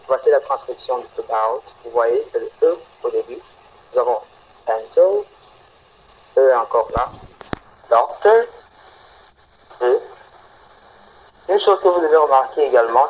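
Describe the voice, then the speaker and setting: A man teaching English phonetics in an online class, slowly and repeating example words deliberately. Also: medium pitch, slightly rough, lo-fi sound. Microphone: video call.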